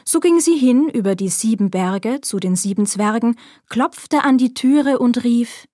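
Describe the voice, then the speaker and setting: Woman reading a fairy tale, bit high voice, steady and expressive, super dry mic. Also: measured pace, no echo. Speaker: storyteller. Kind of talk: fairy tale read-aloud.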